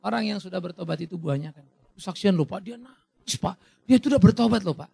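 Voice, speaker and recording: A middle-aged male pastor delivering a lively, theatrical sermon, acting out little dialogues with sudden loud bursts. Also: high-pitched, fast, creaky, husky, no room sound.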